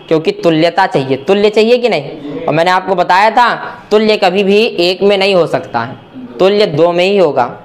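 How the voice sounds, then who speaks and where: High-voiced man teaching Sanskrit grammar. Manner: asks and answers his own questions, checks understanding often. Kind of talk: classroom explanation.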